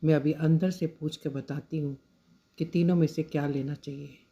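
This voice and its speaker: A woman voicing a patient young daughter-in-law who speaks softly and politely. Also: low voice, steady tone, moderate pace, husky. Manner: soft and polite. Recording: dull lo-fi recording.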